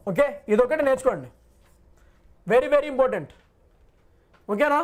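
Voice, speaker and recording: A man's voice: very high-pitched, lively intonation, takes it slowly. A male physics teacher in a live online class who reassures his students, repeats every point and asks and answers his own questions.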